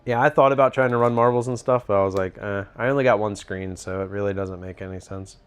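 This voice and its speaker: A man's voice: fairly low pitch, fast talker, clear, resonant tone, soft background music. A man hosting a casual live trading stream from a cruise ship, chatting easily and reading viewer comments aloud. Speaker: livestream trading host.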